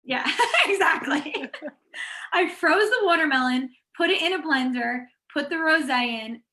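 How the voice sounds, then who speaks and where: A woman's voice: high-pitched, animated, measured pace, pushed and bright. A woman chatting as a guest on a video call, bubbly and full of "like" and laughs. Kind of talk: casual chat.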